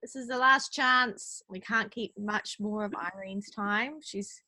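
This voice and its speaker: A woman's voice: medium pitch, slow pace, pushed and bright, no room sound. A woman hosting a video call, gushing with thanks to her guest. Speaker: call host. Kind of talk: casual video call chat.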